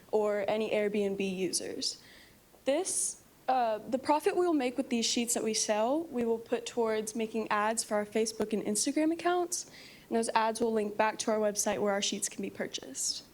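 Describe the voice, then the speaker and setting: A young woman presenting a rehearsed startup pitch as part of a team in a meeting room. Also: darkish tone. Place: meeting room, standing before seated judges.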